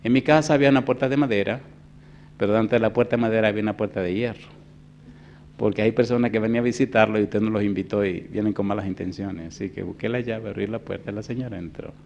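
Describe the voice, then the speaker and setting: A pastor in his fifties preaching a sermon, telling a story in a hushed voice and then rising to loud preaching. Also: fairly low pitch, steady tone, fast, gravelly, lo-fi sound, slight background noise. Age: 50s. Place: church.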